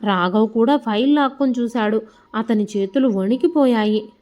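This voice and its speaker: Female storyteller, high-ish voice, steady emotive read, muffled recording. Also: moderate pace. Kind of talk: scripted story narration.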